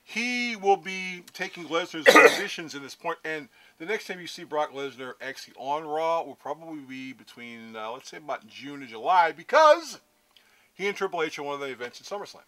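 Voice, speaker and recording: A man's voice: on the high side, animated, fairly quick, few pauses, sharp tone. A man co-hosting a casual wrestling news show, rambling through the stories and repeating himself. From United States. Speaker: co-host reading wrestling news. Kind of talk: casual news rundown and banter.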